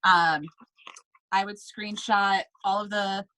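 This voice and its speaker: A woman coaching sellers in a casual, upbeat way, stressing points and checking in with quick tag questions. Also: mid-range voice, steady tone, pushed and bright, poor audio. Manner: upbeat, emphatic, checks in with "okay?" and "right?". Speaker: direct sales team leader.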